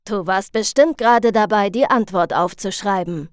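A woman's voice: medium pitch, moderate pace, dry recording, clean studio sound, lightly acted. A woman voicing a stern, dryly sarcastic male chemistry teacher with a firm, lightly mocking manner.

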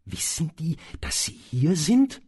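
A man's voice: on the high side, very animated, measured pace, mellow, breathy edge, voice pushed up, heavily acted. A man doing an earnest young boy wizard. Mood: urgent. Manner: urgent, puzzled questions. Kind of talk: audiobook reading.

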